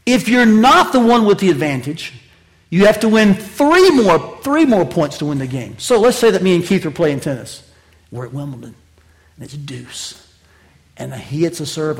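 A pastor preaching a conversational sermon to his congregation, swinging between loud, raised lines and quiet, slow asides, and joking with the listeners. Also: animated, creaky. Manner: conversational preaching with wide swings of pitch and loudness; jokes with the congregation.

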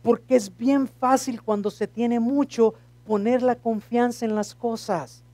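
Spanish-preaching pastor slipping into English. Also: male voice, measured pace, no echo. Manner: shifts from loud and lively to low and quiet. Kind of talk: sermon.

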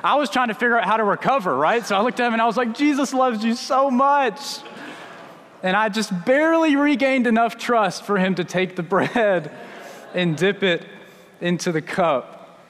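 Male pastor, high voice, chatty storytelling sermon, long church reverb. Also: a little fast, a bit bright. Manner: storytelling, conversational with many restarts.

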